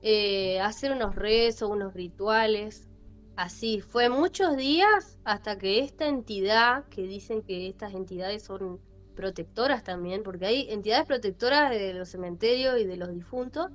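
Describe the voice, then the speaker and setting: Animated Rioplatense woman telling a story. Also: mid-range voice, measured pace. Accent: Rioplatense Spanish. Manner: animated, repetitive, with many fillers. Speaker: podcast host. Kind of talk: casual storytelling. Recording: lo-fi with faint music.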